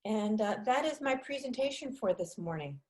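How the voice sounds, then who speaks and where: A woman's voice: on the high side, expressive, normal speed. Woman, New York accent, webinar presenter, businesslike, some ums and restarts, video call audio.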